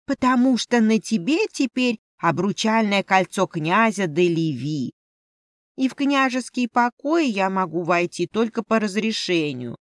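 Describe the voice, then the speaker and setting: A woman voicing a grumpy, cheeky little male winged mouse familiar in an audiobook, speaking in a slow, sarcastic drawl. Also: medium pitch, animated, no room sound, clean studio sound, natural voice. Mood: smug.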